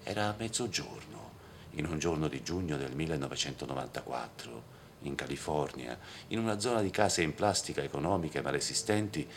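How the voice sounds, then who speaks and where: Very deep-voiced male audiobook narrator. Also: gravelly, a little hiss or hum. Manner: measured, dark storytelling with whispered asides. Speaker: audiobook reader. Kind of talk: scripted narration.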